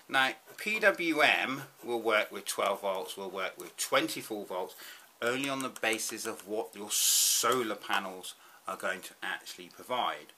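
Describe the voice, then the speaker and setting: A man's voice: on the low side, sharp tone. A man explaining a DIY solar setup in a casual, rambling way, with frequent ums as he draws at a desk. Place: indoors at a desk.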